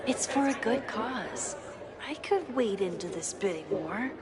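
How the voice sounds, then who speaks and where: A wry young game heroine. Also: female voice, a little high, expressive, a little slow. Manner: dry, wry, thoughtful asides. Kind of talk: game dialogue and inner monologue. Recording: game audio with loud noise and crowd.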